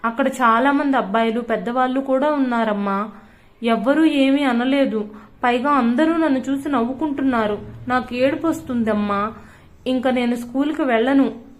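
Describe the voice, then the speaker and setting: Brief: woman reading as a frightened schoolgirl, tearful and pleading, slightly high voice. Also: normal speed, lightly acted. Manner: pleading, sobbing.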